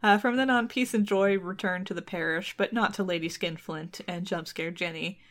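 Her voice is on the low side and fairly bright, with a steady tone and moderate pace. She's a podcast co-host giving a relaxed reading of a folktale, breaking off for chatty comments and laughing frequently.

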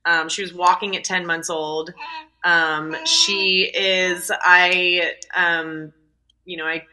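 A woman's voice: on the low side, slow, bright, forceful tone, low-quality recording. A young woman who is a doula, a guest on an interview podcast, chatting and telling stories with lots of "um" and "like". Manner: chatty, lots of fillers, storytelling. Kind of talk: casual conversational interview.

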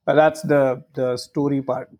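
A middle-aged man from Maharashtra, a native Marathi speaker with a Marathi Indian accent, chatting casually in a halting way and often checking in with "right?". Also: medium pitch, level tone, darkish tone. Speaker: podcast participant. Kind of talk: casual chat.

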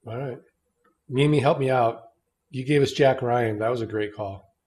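A man's voice: mid-range voice, moderate pace, a little mellow. Joking, emphatic male podcast host. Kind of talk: casual roundtable chat.

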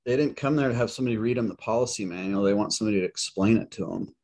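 A man's voice: on the low side, very fast, darkish tone. A man in his forties co-hosting a podcast, an attorney chatting casually and making wry jokes. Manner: joking, wry asides. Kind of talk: casual chat.

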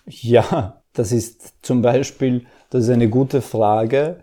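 A man's voice: mid-range voice, steady tone, slow pace, mellow. A man who coaches emotional intelligence, answering interview questions earnestly, repeating words and acting out inner voices.

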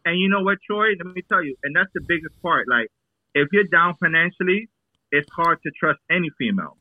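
A man from Brooklyn calling in to a live talk show, heard over the phone like on speakerphone, speaking in a relaxed, assured way. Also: on the high side, brisk, no room sound. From Brooklyn, New York. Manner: relaxed, assured, repeats himself. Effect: heard over a phone call, like on speakerphone. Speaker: caller. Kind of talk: casual call-in chat. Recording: tinny, dry phone line.

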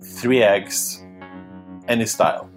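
A man's voice: fairly low pitch, slow pace, faint music behind. A man from Norway, a podcast guest, chatting casually and laughing easily. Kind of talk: casual interview chat.

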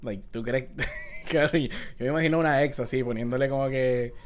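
A man's voice: mid-range voice, a little fast, slight background noise. A man with a Puerto Rican accent chatting casually as a podcast host in Spanglish, dropping English words into slangy, sweary Spanish. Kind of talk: casual chat.

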